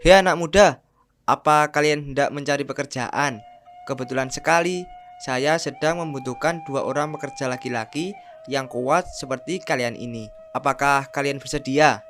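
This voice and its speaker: A man's voice: mid-range voice, moderate pace, fairly bright tone, natural voice. A man playing a wealthy, benevolent merchant in a radio drama, formal and declamatory. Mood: commanding, generous. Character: wealthy male merchant, commanding and benevolent employer. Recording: music bed behind the voice.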